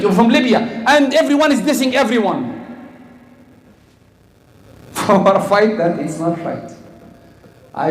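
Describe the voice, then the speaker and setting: A man's voice: high-pitched, roomy sound, poor audio. A man from Egypt preaching a sermon, asking the crowd questions, repeating words as he goes.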